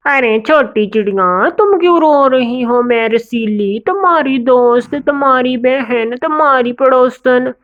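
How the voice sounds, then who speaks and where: A woman's voice: sits high, unhurried, few pauses, muffled recording. A woman voicing a scheming female cartoon crow who sweet-talks in a sugary, fawning way.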